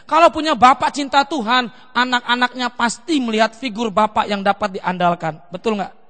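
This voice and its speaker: A man pastor preaches with a very high, bright voice that rings through a large echoing hall. He keeps the sermon lively, slipping into quick voices of children and parents. His words carry long reverb from the room. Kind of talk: seminar sermon.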